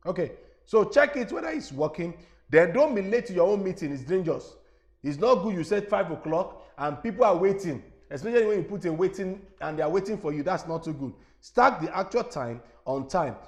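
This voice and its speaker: A man with a Nigerian accent giving an instructional webinar as an evangelist, animated and repetitive, often checking whether his listeners follow. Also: a little high. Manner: animated, repetitive teaching with rhetorical questions.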